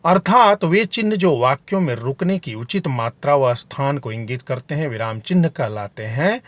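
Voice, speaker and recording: A man teaching Hindi grammar in a video lesson, explaining terms deliberately and spelling out examples. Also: medium pitch, no echo.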